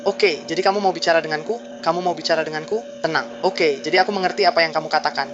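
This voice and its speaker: Steady male officer, slightly raised pitch, muffled and noisy. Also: fast. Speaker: police officer.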